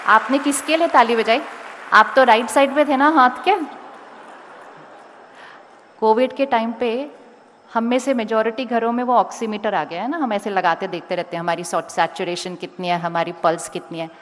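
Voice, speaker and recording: Calm woman speaking in a reverberant hall. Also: on the high side. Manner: calm, slow and deliberate, rising to urge the crowd. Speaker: spiritual speaker addressing a school audience. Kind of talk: motivational talk to a live audience.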